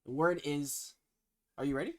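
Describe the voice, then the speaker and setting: A man's voice: fairly high pitch, moderate pace, darkish tone. Teasing Toronto man hosting a slang quiz. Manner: teasing, mock-stern, slangy. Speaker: quiz host. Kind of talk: casual slang quiz banter.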